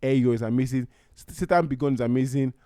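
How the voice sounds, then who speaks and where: A man's voice: mid-range voice, fast talker, dark tone, no echo, studio quality. A young man from Nigeria hosting his own podcast in a casual, heartfelt way, rambling and often restarting his sentences. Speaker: podcast host. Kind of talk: casual solo podcast talk.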